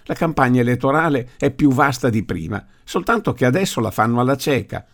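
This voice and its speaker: A gruff, stubborn old grandfather, voiced by a male reader in an audiobook. He declaims with force and indignation, his voice raised. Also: mid-range voice, animated, fairly quick. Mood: indignant. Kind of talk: audiobook character voice.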